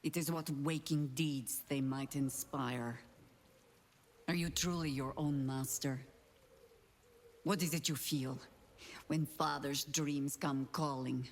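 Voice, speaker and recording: A grave, watchful guardian from a fantasy game. The voice sits at a middle pitch, calm and formal, with cryptic, probing phrasing. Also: slow pace, long pauses, slight background noise. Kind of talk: video game dialogue.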